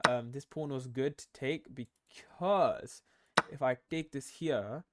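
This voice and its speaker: A man's voice: mid-range voice, steady tone, moderate pace, heavy background noise. A tired young man commenting on his own chess game, thinking aloud with many ums and self-corrections. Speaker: chess streamer.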